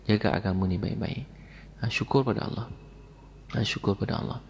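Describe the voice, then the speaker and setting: Male Malaysian preacher, low and gravelly, repetitive sermon delivery, faint noise behind. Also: fairly quick, a little mellow. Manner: repetitive, emphatic phrasing; addresses the audience directly. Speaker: Islamic preacher. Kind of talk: sermon with storytelling.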